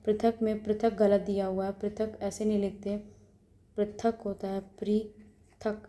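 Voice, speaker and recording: A woman teacher working through a practice test aloud, briskly explaining each answer and repeating words as she checks them. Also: medium pitch, level tone, dark tone. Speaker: exam coaching teacher.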